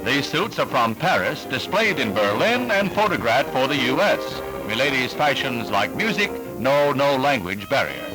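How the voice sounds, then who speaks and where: This rough recording captures an American man's 1960s newsreel narration, read from a script with formal announcer emphasis while music plays on a vintage soundtrack. His mid-range voice moves in a sing-song way at a moderate pace, with few pauses.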